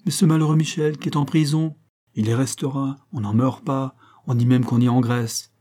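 A man reading the part of a cheeky, shrewd young actor turned detective, in a wry, easy-going way and a dark, husky voice. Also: medium pitch, fairly even intonation, normal speed, close to an everyday voice.

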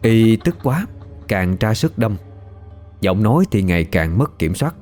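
A man, narrating a ghost story in a steady, measured way. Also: on the low side, soft background music.

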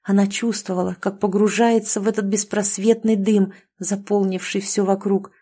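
A woman narrating a story in a steady, expressive reading. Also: mid-range voice, moderate pace, husky. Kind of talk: scripted audiobook narration.

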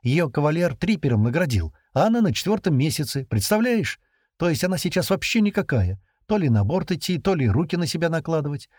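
This is a naive young woman in a spoken novel, as a male reader puts her on. Her voice sits higher and swings widely, with a slightly husky grain. She chatters, pleads, and turns quickly to hurt feelings. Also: very animated, a little mellow, dry recording, studio quality. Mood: pleading.

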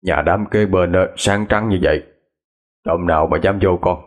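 A man's voice: low voice, moderate pace, natural voice. A man doing a sly old fortune teller. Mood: hushed. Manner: hushed, knowing.

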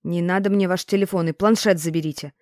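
A stubborn young boy pleads and sulks, earnest and defensive, as a woman reads him aloud. His voice sits a little higher than the narrator's usual dark, mellow tone. The sound is close and dry. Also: fairly even intonation, fast talker, no echo, natural voice. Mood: sulky.

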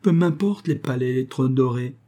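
A man's voice: medium pitch, normal speed, warm tone, lightly acted. A man voicing a frightened young girl who pleads and sobs, in a storybook reading. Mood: sobbing pleas. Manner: sobbing, pleading.

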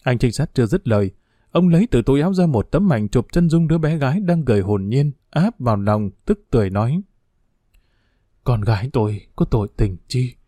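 A man narrating a story in an even, somber storytelling manner. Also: medium pitch, fast, dry recording.

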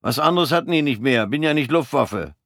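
A man voicing an evasive, quick-tempered soldier who answers curtly and defensively. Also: mid-range voice, expressive, a bit bright, dry recording, studio quality, pitched above the performer's own voice. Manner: curt, defensive.

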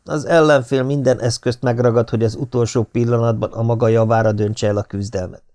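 A man's voice: mid-range voice, fairly even intonation, darkish tone, natural voice. A man voicing a worried, serious detective in an audiobook. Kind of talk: audiobook character reading.

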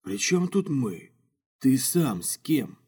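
A man voicing an unflappable hungover male guide who speaks slowly and calmly. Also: mid-range voice, slightly rough, pitched above the performer's own voice, full character voice. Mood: sly. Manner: slow, drawling and calm.

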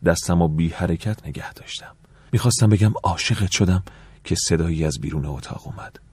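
A man narrating an audiobook in the first person, calm and measured, at times dropping to a soft whisper. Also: low voice, slightly rough, no echo.

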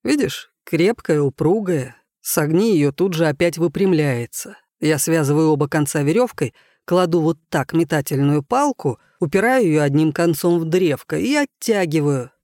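A man's voice: fairly high pitch, lively intonation, normal speed, few pauses, a little mellow, dry recording. Man reading as an earnest young man, careful explaining tone, dry close mic, storybook audiobook.

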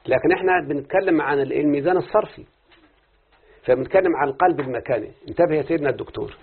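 Brief: fast-talking Egyptian sheikh teaching grammar, husky voice, tinny phone-like sound. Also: male voice, a little high. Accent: Egyptian Arabic. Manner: lively, constantly quizzing students with rhetorical questions. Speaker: teacher of Arabic morphology. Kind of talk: classroom lesson.

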